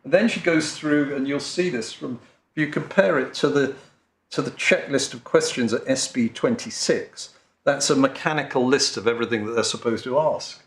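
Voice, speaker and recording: With a mid-range voice at a moderate pace, an English barrister presents a courtroom legal submission to appeal judges. He speaks hesitantly, often saying um, restarting and apologizing. The setting is a large courtroom, captured with roomy audio.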